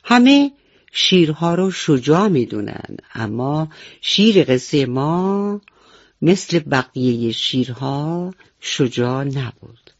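Gentle woman telling bedtime stories. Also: deep voice, sing-song, no echo, dull audio. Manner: gentle, affectionate, addresses children. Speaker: storyteller. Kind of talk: bedtime story narration for children. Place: radio studio.

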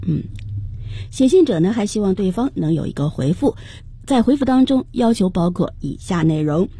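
Lively husky woman co-hosting a radio lesson. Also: mid-range voice, normal speed. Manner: announces each new word, lively and prompting.

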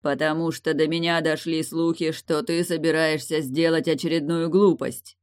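A woman's voice: low-pitched, little pitch movement, normal speed, smooth, no room sound, studio quality, natural voice. A woman voicing a strict, cold middle-aged male marquis who speaks in short, clipped lines in a storybook reading.

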